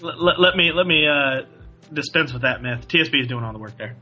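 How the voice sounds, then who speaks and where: A man's voice: mid-range voice, animated, a little fast, pushed and bright, slightly rough, muffled recording, faint music behind. A man guesting on a casual gaming podcast, dry and self-deprecating. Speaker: podcast guest, clan founder.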